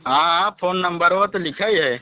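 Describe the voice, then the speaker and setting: A man's voice: sits high, moderate pace, sharp tone. A man with a rustic eastern Uttar Pradesh accent, talking casually and insistently as a customer on a phone call, often repeating himself. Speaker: telecom customer on a support call. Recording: dull, dry phone recording.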